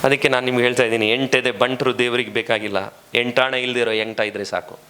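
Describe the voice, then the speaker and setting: A man's voice: medium pitch, level tone, fast, bright, forceful tone, a little hiss or hum. A man preaching a sermon as pastor to his congregation, impassioned, with many rhetorical questions, speaking. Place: church hall.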